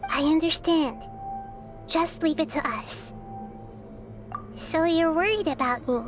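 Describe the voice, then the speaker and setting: A calm, scholarly young goddess with a high, soft, girlish voice. The game dialogue is kindly and measured, with faint music underneath. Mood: reassuring. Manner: measured, explanatory.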